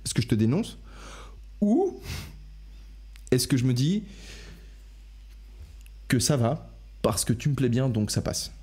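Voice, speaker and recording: A young man hosting a laid-back podcast, talking through his points in loose, rambling sentences and correcting himself as he goes. His voice is dark and mellow, at an ordinary male pitch. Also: very animated, takes it slowly, pauses often. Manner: rambling, full of restarts and self-corrections. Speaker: podcast host. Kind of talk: casual podcast discussion.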